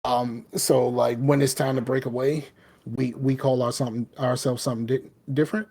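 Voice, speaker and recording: This middle-aged man from the American South speaks in a gravelly, darkish voice of medium pitch that barely rises or falls. As a podcast co-host with a Southern accent, he rambles through casual chat at a moderate pace, tossing in "you know what I mean" again and again.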